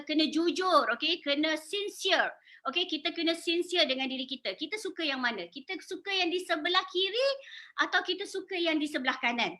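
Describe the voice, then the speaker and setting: A woman's voice: high voice, sharp tone. A woman in her forties with a Malaysian accent, a beauty salon owner giving a persuasive sales presentation and putting questions to her audience. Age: 40s. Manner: persuasive, asks the audience questions, mixes in English words.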